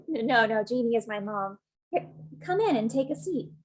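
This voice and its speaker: A woman's voice: on the high side, lively intonation, normal speed, husky, poor audio. An actress playing a bubbly young woman who teases her mother's date, reading playfully in a table read. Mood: teasing. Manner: playful, giggly teasing.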